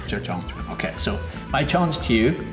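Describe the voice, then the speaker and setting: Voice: mid-range voice, big pitch swings, quick pace. A youth leader co-hosting a casual chat, rambling and losing the thread mid-sentence. The voice swoops up and down a lot, and it rings through a big echoey hall with music underneath. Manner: rambling, trailing off mid-thought. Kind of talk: casual chat on a challenge show.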